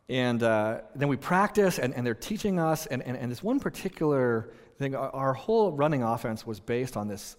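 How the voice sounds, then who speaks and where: A pastor telling stories in a conversational sermon, with many restarts and an animated delivery. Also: male voice, medium pitch. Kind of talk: sermon with storytelling. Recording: long reverb in a large hall.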